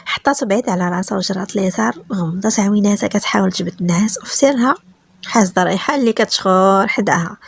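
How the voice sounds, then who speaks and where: Moroccan woman storyteller, brisk and steady, dry close-miked read. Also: mid-range voice, no echo. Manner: brisk, steady narration with quoted chat lines read in turn. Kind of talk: reading a romance story aloud.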